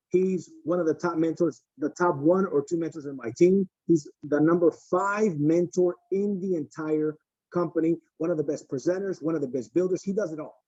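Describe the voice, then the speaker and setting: A male podcast host with a slightly high, dark and husky voice tells an enthusiastic story over an online call, acting out the quotes. The sound is dry and dull, like thin call audio. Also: no echo. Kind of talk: introducing a guest on a call.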